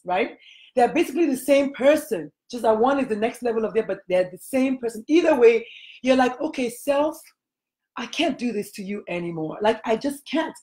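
Her voice is a little high with a dark tone. She's a middle-aged podcast host with a Nigerian accent, running a casual interview from a small home room, emphatic and gesturing broadly as she talks into a laptop webcam.

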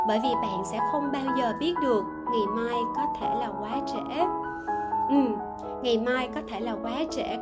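High-voiced woman teaching English. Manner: reads viewers' answers aloud and asks them questions; repeats English words slowly for notes. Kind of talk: livestream grammar lesson.

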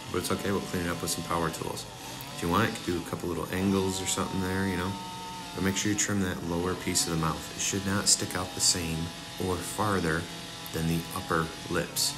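A young man with a low voice works as an instructor, casually walking viewers through chainsaw carving cuts one step at a time. His manner is relaxed, and the recording is rough. It plays as a laid-back tutorial voice-over.

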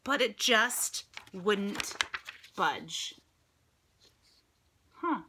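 Reading very slowly in an expressive, medium-pitched voice, a middle-aged American teacher shares a picture book with children, the background noisy. She adds chatty asides and questions for her listeners. The recording was made at home on a phone or tablet held at arm's length, in a room with a dresser and ceiling fan.

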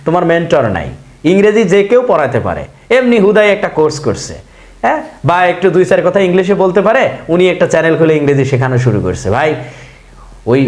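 A man with a somewhat high voice teaching a spoken English lesson in an echoey room. He talks in a chatty way, repeating words to drill them and asking and answering his own questions.

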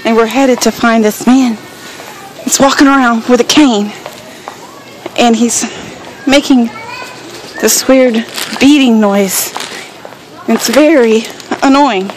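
A woman's voice: a little high, takes it slowly, long pauses, noisy background. A woman filming her son on a handheld camera inside a big store, chatting in a mildly irritated way, heard through old camcorder home-video audio. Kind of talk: casual home video narration.

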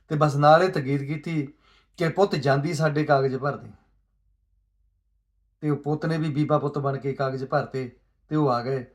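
In a pleading, heartfelt commentary on society, a man asks rhetorical questions while alternating quiet asides with louder emphasis. His pitch leans high.

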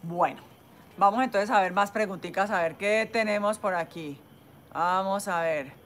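A woman's voice: mid-range voice, moderate pace, fairly bright tone, slight background noise. A woman plastic surgeon with a Caleño Colombian accent answers viewers' questions on a phone live stream, in a chatty, explanatory way that keeps checking in with "¿sí?". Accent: Caleño Colombian Spanish.

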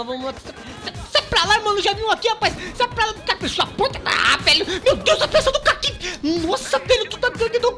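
A man giving excitable gameplay commentary, exclaiming constantly as he plays. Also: very high-pitched. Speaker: gaming channel host.

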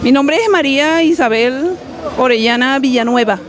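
A woman's voice: high voice, moderate pace. An older woman from Chile with a Chilean Spanish accent, making an earnest, pleading public appeal into handheld mics in an outdoor plaza. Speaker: guest speaking on street radio. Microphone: several handheld mics at her mouth. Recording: crowd noise around.

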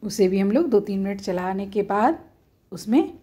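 A woman's voice: mid-range voice, expressive, moderate pace, warm tone, slightly rough. A woman at home, talking viewers through a cooking recipe step by step in a plain, homely, instructive way. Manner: homely, instructive, often says "dekhiye".

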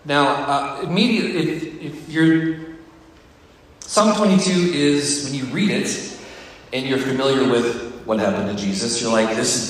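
Man, devotional talk, fairly high voice, distant phone recording, long room echo. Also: fairly bright tone. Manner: conversational, jokey, emotional. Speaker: devotional speaker. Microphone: phone on the podium.

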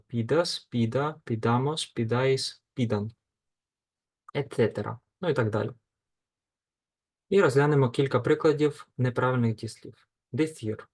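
A man teaching a grammar lesson, slowly and deliberately reading out lists of verb forms and explaining them. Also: mid-range voice, a little mellow. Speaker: language teacher.

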